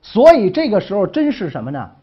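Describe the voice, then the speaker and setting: A man's voice: sits high, huge pitch swings, brisk, slightly rough, dull audio. A man telling ancient history in a humorous, colloquial way, with frequent asides. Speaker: storyteller.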